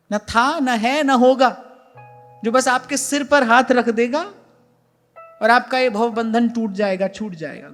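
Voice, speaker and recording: A man's voice: very high-pitched, a bit bright. A man, a spiritual teacher, giving a devotional discourse in an earnest way. He repeats key phrases for emphasis and speaks to his listeners as brothers. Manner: addresses listeners directly as "brother". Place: ashram hall.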